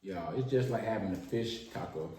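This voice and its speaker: A man's voice: fairly low pitch, normal speed, mellow. Laid-back young man, very echoey room. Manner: laid-back, slangy, talks while eating. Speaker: vlog co-host. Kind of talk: casual chat over a meal. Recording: very echoey room, faint noise.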